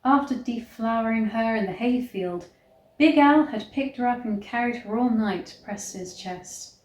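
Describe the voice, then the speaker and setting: With a slightly high, somewhat mellow voice at a moderate pace, an online commentator reads from a novel in a mock-dramatic tone and cuts in with blunt, disbelieving remarks. The sound is roomy and echoey.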